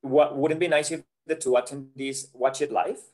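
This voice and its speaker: A man's voice: a little high, steady tone, moderate pace, a little mellow. A man from Colombia, a career counsellor presenting an online webinar over a video call, earnest and chatty, dotting his talk with "yeah?" and "right?".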